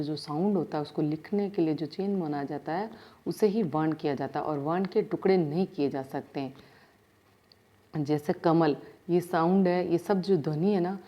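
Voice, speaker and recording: A woman school teacher, giving a grammar lesson and sounding out letters one by one. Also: deep voice. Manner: explains step by step, sounds out letters slowly. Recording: dull lo-fi sound.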